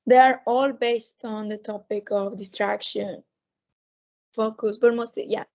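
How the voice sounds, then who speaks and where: A woman chatting casually as a podcast co-host, with a thick, sore-throat voice and a halting delivery that often repeats words. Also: on the high side, fairly even intonation, darkish tone, highs cut off. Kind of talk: casual chat.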